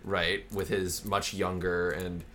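Low-voiced rambling sarcastic man. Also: flat delivery, takes it slowly, a bit bright, a little hiss or hum. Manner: rambling, many fillers and restarts; sarcastic, profane. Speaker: podcast co-host. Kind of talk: casual political podcast chat.

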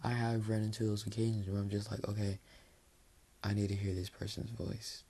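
A man's voice: lowish voice, fairly quick, breathy edge. A young man hosts a casual late-night solo podcast from his bed, rambling in a sleepy, dry voice. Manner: rambling, relaxed, sleepy, lots of fillers. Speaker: podcast host. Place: bedroom, sitting on his bed. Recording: faint hiss in the background.

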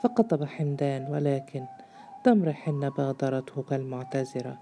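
Low, dark-voiced woman narrating a novel. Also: slight background noise. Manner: measured storytelling. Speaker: audiobook narrator.

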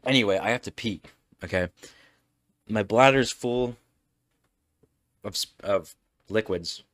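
A man's voice: lowish voice, takes it slowly, a bit bright. A young man hosting a podcast, rambling through a casual monologue, often breaking off and laughing at himself. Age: young adult. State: burping, hiccups. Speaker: podcast host.

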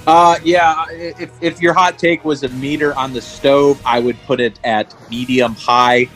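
A man's voice: mid-range voice, steady tone, measured pace, fairly bright tone, faint music behind. A young man co-hosting a sports podcast, joking and hyping up the callers' takes. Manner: hyped, playful banter. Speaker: podcast co-host. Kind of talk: casual sports podcast chat.

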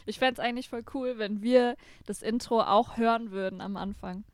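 A woman's voice: fairly high pitch, fairly even intonation, normal speed, dry recording, studio quality. A young woman co-hosting a podcast in casual, slangy chat, feeling her way through her sentences. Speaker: podcast co-host.

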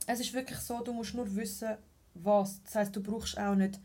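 A woman with a Swiss German accent talks as a guest on a casual podcast. She explains her thoughts earnestly, step by step, at a middle pitch. Her voice is warm and mellow. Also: fairly even intonation, normal speed.

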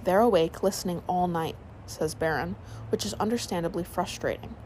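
A woman narrating a sleep story, reading aloud in a calm, soothing way. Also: fairly low pitch, normal speed, a little hiss or hum, rough recording.

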